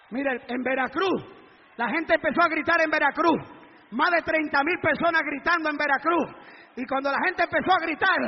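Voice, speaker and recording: Casting: a high-pitched male revival preacher, shouting and fervent, speaking in tongues, recorded in a big hall. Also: a little hiss or hum. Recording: dull recording in a reverberant hall with a crowd.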